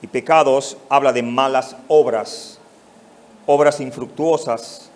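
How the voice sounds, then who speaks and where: A man's voice: medium pitch, fairly even intonation, slow pace. A male pastor with a Mexican Spanish accent preaching an expository sermon, putting rhetorical questions straight to his congregation.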